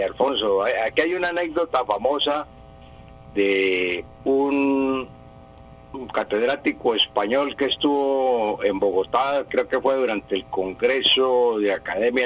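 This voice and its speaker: A man's voice: medium pitch, husky, low-quality recording. A man, a language expert on a radio call-in show, explaining with anecdotes and hesitant fillers.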